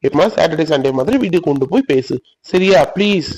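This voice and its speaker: A hurt young man in a cartoon who sulks and then coaxes, voiced by a man. His voice sits a little high, and he pushes his point with insistent, pleading persistence. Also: animated, fast, darkish tone, low-quality recording. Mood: coaxing. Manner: sulky, pushy, coaxing. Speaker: cartoon voice actor. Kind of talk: animated village drama voicing.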